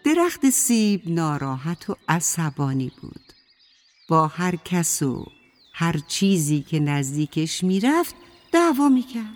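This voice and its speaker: A woman tells a children's story in a gentle, lilting storyteller voice, slightly low in pitch. She speaks straight to the little listeners. Music plays clearly underneath. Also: big pitch swings. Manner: sweet, sing-song, addresses children directly. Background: background music.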